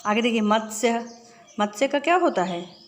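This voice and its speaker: A woman's voice: a little high, lively intonation, moderate pace. A woman teaching a children's lesson, patiently asking the children questions and then answering them herself. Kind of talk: classroom lesson explanation.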